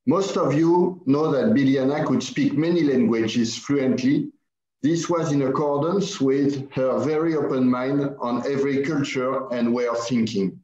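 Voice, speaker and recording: A man from France with a French accent giving a formal, measured conference speech to an audience. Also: mid-range voice, darkish tone, roomy sound, lo-fi sound. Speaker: conference speaker.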